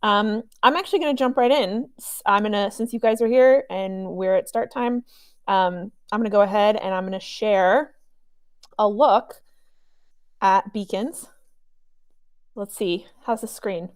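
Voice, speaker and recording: A woman hosting a live software training webinar, chatty and upbeat, with a cough drop in her mouth. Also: mid-range voice, unhurried, smooth, no room sound, clean studio sound. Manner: chatty, upbeat, friendly with filler ums.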